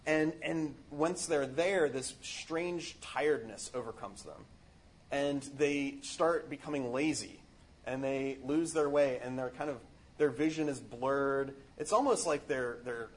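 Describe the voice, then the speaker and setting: A man's voice: medium pitch, a little slow, a little hiss or hum. A man giving a casual, earnest spiritual reflection on a book, rambling with many fillers and restarts.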